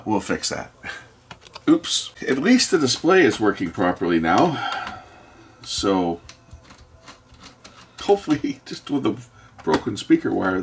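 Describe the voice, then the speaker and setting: A low-voiced man with vocal fry talks himself through a repair in his workshop, often muttering as he thinks aloud. He's an electronics repairer hosting a repair video in a casual, hands-on style. A faint steady noise runs beneath his speech.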